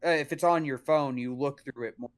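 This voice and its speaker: A man's voice: mid-range voice, brisk, clear, resonant tone. A young man co-hosting a podcast, chatting casually in an informal, slangy and somewhat hesitant way. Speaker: podcast co-host. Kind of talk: casual chat.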